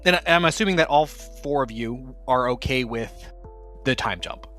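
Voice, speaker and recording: A podcast host and game master runs an actual-play tabletop game show in a casual, playful, jokey way. His voice is medium-pitched, pushed and bright, at a moderate pace, with faint music in the background.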